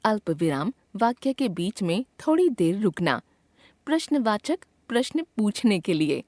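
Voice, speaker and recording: A woman teacher narrating a scripted grammar lesson in a clear, expressive way, acting out example sentences. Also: medium pitch, unhurried, no echo.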